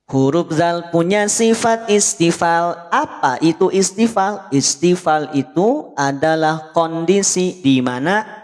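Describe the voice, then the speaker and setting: Male recitation tutor, unhurried and checking in often, voice ringing with long reverb. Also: fairly high pitch. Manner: patient, checks understanding often; demonstrates sounds by chanting them. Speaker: Quran recitation teacher. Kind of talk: live online lesson.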